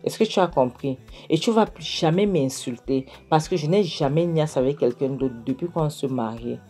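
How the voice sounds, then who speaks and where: A woman voicing a defiant wife in a retold film, scolding her husband and demanding he understands, in a low dark voice. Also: moderate pace, breathy edge, soft background music. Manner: scolding, repeats "est-ce que tu as compris?".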